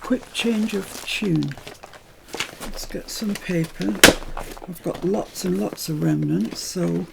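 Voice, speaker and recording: A woman's voice: on the low side, takes it slowly, gravelly, very noisy. An older British woman chatting through a crafting tutorial at home, rambling into asides as she works.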